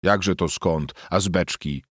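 A man reading an audiobook, voicing a sulky middle-aged village priest who grumbles slowly and sullenly. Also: low voice, a bit bright, no echo, studio quality, heavily acted.

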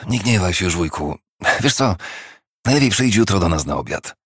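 A man's voice: deep voice, expressive, normal speed, breathy edge, dry recording, studio quality. A man voicing a cheerful young nephew who speaks earnestly and pleads kindly with his uncle. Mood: pleading.

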